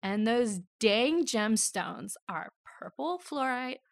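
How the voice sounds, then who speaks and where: A woman's voice: a little high, lively intonation, takes it slowly, vocal fry, no echo, clean studio sound. A woman co-hosting a casual podcast, reading out notes with joking asides and bursts of giggles. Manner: giggly, self-mocking, reads lists with asides. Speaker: podcast co-host.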